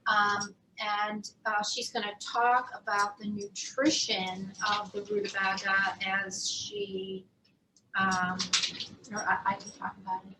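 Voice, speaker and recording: A woman's voice: medium pitch, animated, takes it slowly, pushed and bright, distant mic, slight background noise. A woman with a Philadelphia accent co-hosting a cooking class, talking in an upbeat, easygoing way as she leads the steps. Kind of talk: casual cooking demo chat. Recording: echoey room, away from mic.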